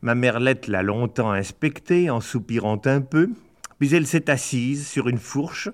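A man's voice: medium pitch, unhurried. Man reading a storybook aloud. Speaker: narrator.

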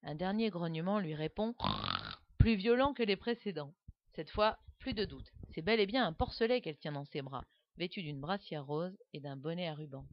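A woman narrating a children's story with a lively, expressive reading, on a dull, dry recording. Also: lowish voice, moderate pace, no echo.

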